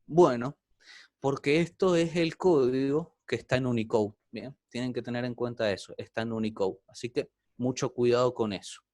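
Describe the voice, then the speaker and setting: A man's voice: medium pitch, normal speed, darkish tone, no room sound, studio quality. A man teaching an online programming class, explaining step by step and often checking in with the students.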